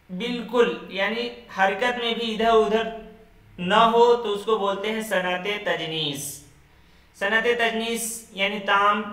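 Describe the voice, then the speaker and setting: A man teaching Urdu poetry in an online class, explaining slowly, repeating terms and quizzing students by name. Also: high voice, bright, forceful tone, reverberant, distant mic, poor audio. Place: room at home, online class.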